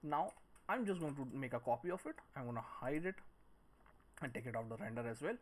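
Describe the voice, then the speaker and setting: In a casual screen-recorded 3D modelling tutorial, a man with a mid-range voice talks briskly and with animation through each step as he works, muttering counts and shortcuts. Clear background noise comes through along with keyboard typing and mouse clicks.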